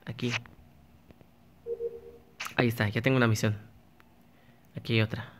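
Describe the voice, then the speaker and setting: Here a gaming YouTuber speaks at normal speed in a medium-pitched voice with little pitch movement. His commentary is casual and chatty, aimed at himself and his viewers, and he keeps restarting sentences.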